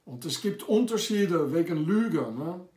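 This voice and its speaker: A man's voice: fairly high pitch, expressive, a little slow, mellow, echoey room. A man delivering an accusatory, insistent monologue to camera, with frequent hesitations. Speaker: video maker. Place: lives in France.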